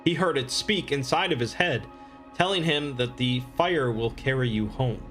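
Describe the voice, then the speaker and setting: A man reading scripted explainer narration in a measured, expository manner. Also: mid-range voice, fairly bright tone, soft background music.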